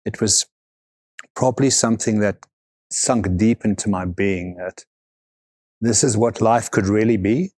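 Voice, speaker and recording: Deep-voiced man, reflective. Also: darkish tone, dry recording, studio quality. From South Africa. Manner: thoughtful, unhurried, repeats words as he gathers thoughts. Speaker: guest, overland vehicle consultant. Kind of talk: reflective interview conversation.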